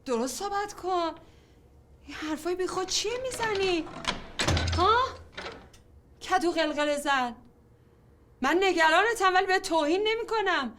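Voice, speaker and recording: A woman's voice: very high-pitched, lively intonation, noisy background. An actress playing a worried middle-aged mother who pleads and defends herself in a film drama. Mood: hurt. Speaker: mother and wife. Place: home interior.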